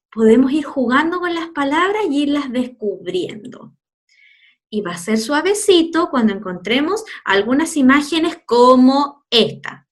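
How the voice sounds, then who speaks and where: A woman teacher giving a recorded lesson to young children, stretching out sounds slowly and playfully. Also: on the high side. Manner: slow, drawn-out pronunciation of sounds, playful.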